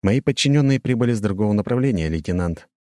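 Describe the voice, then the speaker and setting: A man's voice: mid-range voice, animated, fast talker, warm tone, no echo, voice pushed up, close to an everyday voice. A young prince, voiced by a male audiobook reader gives clipped orders with cool authority. The voice is close and dry. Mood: commanding. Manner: curt, authoritative.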